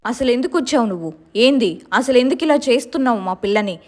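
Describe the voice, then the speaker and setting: A woman's voice: on the high side, expressive, fast talker, lightly acted. A woman voicing her stern mother scolding and threatening a spirit in a told story. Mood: angry.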